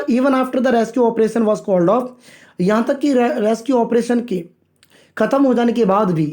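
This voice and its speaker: Mellow-voiced male English tutor. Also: very high-pitched. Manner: reads English phrases slowly, then explains each in Hindi; repetitive, addresses viewers as friends. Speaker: English teacher. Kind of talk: line-by-line newspaper vocabulary lesson.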